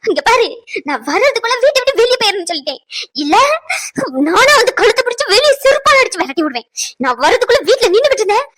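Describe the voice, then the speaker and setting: A heartbroken, furious cartoon mother, played by a woman with a very high voice that cracks into wails and shouted threats. The sound is dry and close. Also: expressive, fast, no room sound. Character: distraught middle-aged mother, fierce to her daughter-in-law. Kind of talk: Tamil cartoon dubbing.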